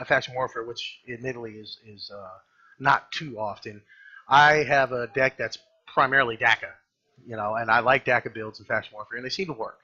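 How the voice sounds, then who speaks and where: Husky man, bright and forceful. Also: medium pitch, dull audio. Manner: rambling, halting, self-correcting, blunt salty slang. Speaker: gaming video host. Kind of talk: casual off-the-cuff game commentary and review.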